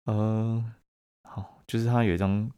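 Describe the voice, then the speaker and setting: Blunt deep-voiced Taiwanese podcast man. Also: little pitch movement, measured pace, smooth. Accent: Taiwanese Mandarin. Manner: blunt, profane, laughs at his own stories; bursts louder and higher when mimicking others. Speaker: podcast host. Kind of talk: casual solo podcast chat.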